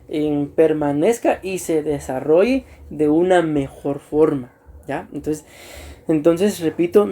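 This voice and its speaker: A mellow pastor from Costa Rica gives church teaching to new deacons, speaking with a slightly high male voice. He is earnest and unhurried, repeats himself and often clears his throat.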